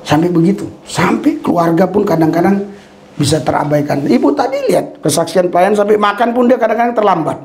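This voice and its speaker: A man preaching at a church service with a fairly high voice that rings through a roomy, echoing hall. He talks animatedly, tells stories, laughs often and breaks into hallelujahs. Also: fairly quick, darkish tone. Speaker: pastor. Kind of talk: sermon with personal stories.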